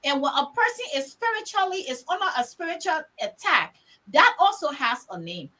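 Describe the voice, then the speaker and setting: A woman's voice: high-pitched, very animated, moderate pace, pushed and bright, low-quality recording. A woman from Liberia with a Liberian accent, moderating a panel discussion in an emphatic, storytelling way that repeats words for stress.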